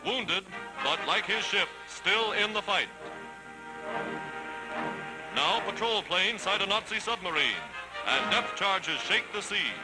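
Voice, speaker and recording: Man, old 1940s newsreel narrator, high-pitched, emphatic, declamatory, over loud music. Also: lively intonation, slow, long pauses, rough recording. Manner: emphatic, declamatory announcer delivery. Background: loud orchestral music.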